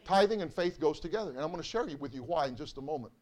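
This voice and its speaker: A man's voice: on the high side, expressive, racing, darkish tone. A man, a pastor, preaching to his church in a loose, conversational and emotional way, repeating himself often. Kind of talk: sermon. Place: church sanctuary.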